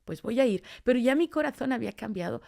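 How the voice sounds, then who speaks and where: A woman's voice: on the high side, animated, fast, creaky, darkish tone. A woman telling her personal testimony as a podcast guest, acting out the dialogue she recalls. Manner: storytelling, acting out quoted dialogue. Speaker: podcast guest, street evangelist.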